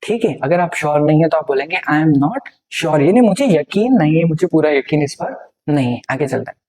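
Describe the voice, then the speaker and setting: Guy teaching english phrases, explains in hindi, mellow warm voice, repeats slowly. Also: high-pitched, rough recording. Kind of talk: spoken English lesson.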